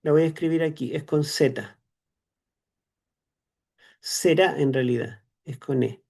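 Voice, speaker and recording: A Chilean man lectures on scripture to an online class. His voice sits a little high and has a gravelly edge, and he explains slowly, filling pauses with "eh" and checking in with tag questions. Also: warm tone. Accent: Chilean Spanish. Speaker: seminary teacher.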